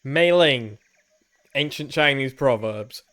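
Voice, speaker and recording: A man's voice: mid-range voice, lively intonation, slow, fairly bright tone, no room sound. A man giving playful, informal commentary while playing a video game. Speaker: gamer hosting a playthrough.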